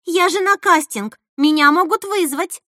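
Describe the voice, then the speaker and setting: A woman's voice: very high-pitched, unhurried, fairly bright tone, no echo, clean studio sound, pitched above the performer's own voice. A woman voicing an impatient young actress, pleading and insistent.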